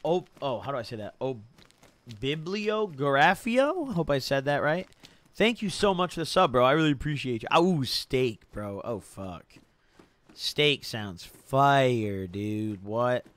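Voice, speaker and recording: Young frat-bro guy streaming, lively pitch swings. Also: a little slow. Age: young adult. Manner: frat-bro slangy, laid-back hype with "bro", "dude", "boys"; swears freely. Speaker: game live streamer. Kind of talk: casual live-stream gaming chatter.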